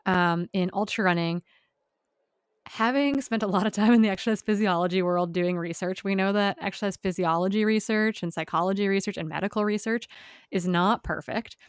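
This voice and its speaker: A woman's voice: mid-range voice, brisk, clear, resonant tone, no echo, clean studio sound. A young woman hosting a podcast interview, chatty and upbeat, peppering her talk with "like". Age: young adult. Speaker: podcast host. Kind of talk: casual interview chat.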